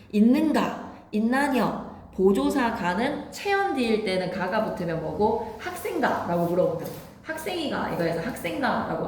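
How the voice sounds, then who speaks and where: A woman's voice: mid-range voice, darkish tone, echoey room. A woman teacher giving an emphatic classroom grammar lecture, quizzing her students with questions as she goes.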